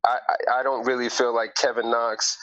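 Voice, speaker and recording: A man's voice: mid-range voice, flat delivery, moderate pace, a bit bright, dry recording. A man in a casual sports discussion, making his case emphatically and argumentatively with rhetorical questions. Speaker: basketball podcast panelist. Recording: noisy lo-fi audio with clicks.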